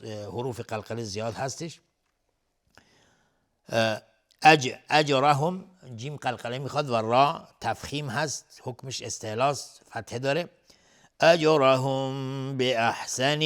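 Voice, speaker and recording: A man of middle pitch gives a recitation lesson. He chants each verse in slow, drawn-out melodic lines. Between verses he explains the pronunciation rules in brisk, matter-of-fact talk. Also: a bit bright. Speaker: Quran recitation teacher.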